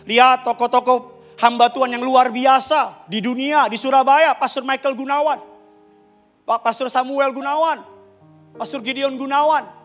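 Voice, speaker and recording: A male pastor preaching a sermon in a humorous, conversational way, with loud outbursts at times. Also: extremely high pitch, fairly even intonation, normal speed, soft background music. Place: church service.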